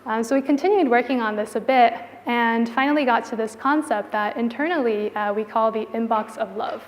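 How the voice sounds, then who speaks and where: This woman's voice sits a little high and moves fairly quickly as she gives a conference talk as a product designer. Her phrasing is informal and chatty, leaning on "like" and "you know," in a reverberant indoor venue with a long echo.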